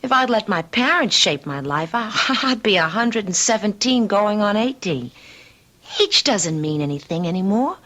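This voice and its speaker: In a radio mystery drama, an actress plays an earnest, lovestruck young woman with a hard shell, sounding emotional, hesitant, and full of longing. Her voice is medium-pitched and expressive, pushed and bright, at normal speed.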